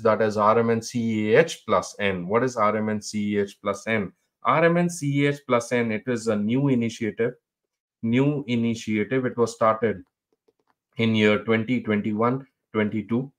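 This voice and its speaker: A man's voice: medium pitch, moderate pace. A middle-aged man with a North Indian accent, teaching a live online exam review in a mix of English and Hindi, encouraging students and often repeating his phrases.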